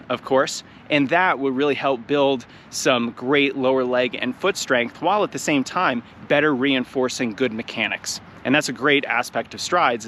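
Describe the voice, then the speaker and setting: A running coach, a little out of breath, talking nonstop to a handheld camera on a grass field outside. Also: male voice, medium pitch, slight background noise. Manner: talks nonstop, energetic and encouraging. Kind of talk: outdoor instructional talk to camera. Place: grass field outdoors, near traffic. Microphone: handheld camera carried while running.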